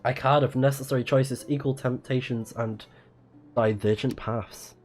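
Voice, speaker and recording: With video game music playing behind them, a streamer gives relaxed commentary, reads the game's text out loud, and murmurs reactions. The voice sits mid-range with a somewhat dark tone, fairly level intonation, and a moderate pace.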